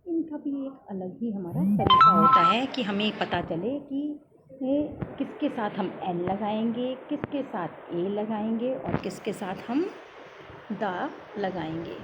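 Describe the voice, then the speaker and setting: A woman with an Indian accent, teaching a grammar lesson, explaining slowly and answering her own questions. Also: mid-range voice, lively intonation, lo-fi sound, very noisy.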